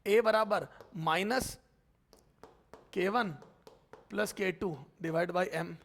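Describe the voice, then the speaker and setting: A man teaching a physics lecture at the board, calling students "beta", asking and answering their questions himself, and repeating terms slowly while he writes. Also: high voice, gravelly, a bit bright.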